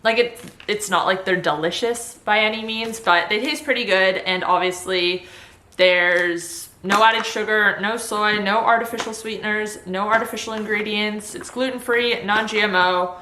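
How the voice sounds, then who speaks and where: Bright-voiced woman vlogger in an echoey room. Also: medium pitch, steady tone, moderate pace, a little hiss or hum. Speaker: vlogger sharing surgery recovery tips. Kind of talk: casual chat to camera. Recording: roomy indoor echo.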